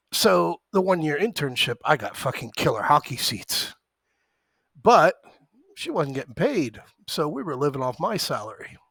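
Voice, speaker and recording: Trading stream host, man in his forties, somewhat high voice, foul-mouthed storyteller who drifts between anecdote and tickers, dry close sound. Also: a bit bright, no room sound. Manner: profane, rambling, jumps between anecdote and stock prices. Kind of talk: livestream storytelling mixed with market commentary. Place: at his computer at home.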